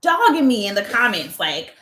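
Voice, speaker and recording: A woman's voice: mid-range voice, big pitch swings, normal speed, bright, forceful tone, echoey room. A woman co-hosting a live chat, talking casually and laughing often while she tells stories. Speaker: co-host of a live chat show.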